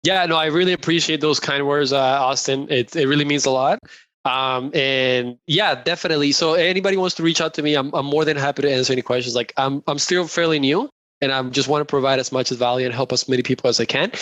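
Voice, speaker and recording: An upbeat young man from Colombia chats as a podcast guest, laughing easily between thoughts. His voice sits at an ordinary pitch and sounds dry and close, with no room around it. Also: fast talker, a bit bright, no room sound. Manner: upbeat, chatty, laughs often. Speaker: guest, real estate investor. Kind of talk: casual interview chat.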